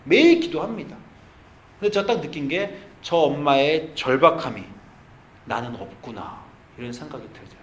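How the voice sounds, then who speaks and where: A male pastor preaching a sermon, dropping to hushed, slow storytelling and rising to loud pleading. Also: a little high. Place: church sanctuary. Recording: echoey church sanctuary.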